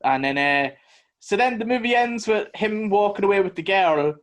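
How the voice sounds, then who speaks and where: A man co-hosting a podcast, chatting casually about a movie in a blunt, animated way and swearing freely. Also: high voice, normal speed. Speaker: podcast co-host. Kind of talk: casual movie review chat.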